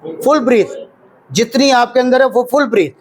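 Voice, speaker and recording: A man with a high voice and a Pakistani Urdu accent teaching a hands-on CPR workshop. He drills counts out loud and keeps quizzing the class. He speaks in a training room full of students. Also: animated, moderate pace, husky, poor audio.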